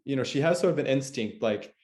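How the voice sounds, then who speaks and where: A man hosts a casual interview, chatty and upbeat. His voice sits at an ordinary middle pitch, and he sometimes restarts a phrase as he goes. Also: animated, fast talker, darkish tone. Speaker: host. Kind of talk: casual video-call interview.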